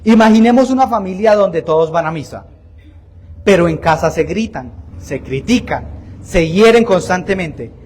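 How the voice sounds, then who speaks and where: A man's voice: sits high, expressive, normal speed, darkish tone. A man preaching a Sunday homily in a church, emphatic and repetitive, asking the congregation direct questions and joking about himself. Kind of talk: Sunday sermon.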